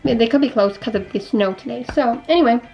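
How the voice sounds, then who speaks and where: A young woman vlogger, a little high-pitched and fast, gives a casual, rambling life update while doing her makeup, repeating and restarting her thoughts. She sounds slightly stuffy and nasal, as if sick with a sore throat. The audio is dull, with soft music in the background.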